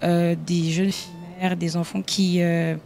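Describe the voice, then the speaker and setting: A woman's voice: fairly low pitch, little pitch movement, a little slow, vocal fry, dark tone. A woman from Kinshasa and Brazzaville, a dancer and choreographer, speaking in a friendly interview. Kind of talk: casual interview. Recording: faint background noise.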